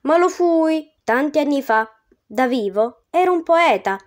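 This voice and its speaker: A woman voicing the ghost of an ancient Roman poet, a stern yet gentle man who speaks low, hushed and measured. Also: animated. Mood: solemn reassuring.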